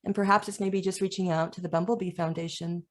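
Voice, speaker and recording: A woman co-hosting a podcast interview, speaking gently and hesitantly, searching for her words. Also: on the low side, steady tone, fast. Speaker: podcast co-host. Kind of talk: conversational interview.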